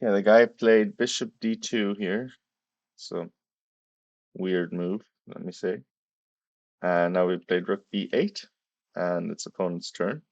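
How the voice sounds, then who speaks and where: Deep-voiced man talking around a swollen tongue. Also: slow pace, creaky, long pauses. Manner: quiet, hesitant delivery. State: sore, swollen bitten tongue; tired. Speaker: chess streamer commentating. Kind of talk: casual live chess commentary. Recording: dull, roomy sound.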